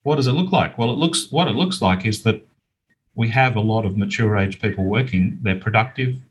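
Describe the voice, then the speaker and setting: A middle-aged or older Australian man, a business owner and author, is an outspoken, emphatic guest in a conversational interview. His voice is on the low side and slightly rough, and he talks a little fast. The recording is rough.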